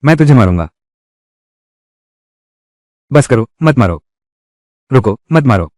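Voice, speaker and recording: A man's voice: medium pitch, very animated, takes it slowly, a little mellow, no room sound, clean studio sound. A man dubbing all the roles of a drama, with heated, quarrelsome delivery.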